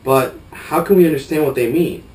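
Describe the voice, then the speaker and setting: A man's voice: a little high, a little fast, darkish tone, rough recording. A young man from Costa Rica giving an earnest, formal scripted narration as a student documentary narrator. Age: young adult.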